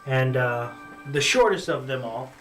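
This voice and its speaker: A man running a tabletop game as dungeon master, narrating in a relaxed, rambling way with many fillers. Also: medium pitch, measured pace, roomy sound, distant mic, soft background music, poor audio.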